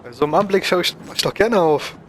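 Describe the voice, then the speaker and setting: A man with a somewhat high voice commentates on a video game. He is casual and chatty, hosting with jokes and talking back to the characters. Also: expressive, racing, fairly bright tone. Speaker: let's play host.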